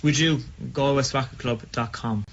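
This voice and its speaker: A man's voice: mid-range voice, normal speed. A man with a west of Ireland accent, speaking informally and a little hesitantly as a club member in a radio interview. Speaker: sub aqua club member being interviewed. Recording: dull, noisy radio interview recording.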